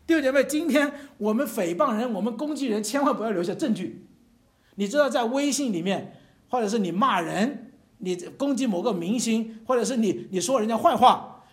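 Animated preacher with a lively, swooping voice. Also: medium pitch. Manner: animated, asks the congregation rhetorical questions; chuckles between phrases. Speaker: pastor. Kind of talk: sermon.

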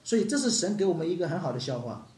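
Brief: lively preacher delivering a sermon, questions the flock, mixes in English words; wide-ranging pitch, hall echo. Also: racing. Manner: asks the congregation questions. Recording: echoey hall.

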